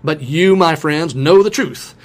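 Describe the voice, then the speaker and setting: A man's voice: unhurried, lightly acted. A man putting on a fiery evangelist preacher. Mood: rousing. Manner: preaching cadence, booming declarations.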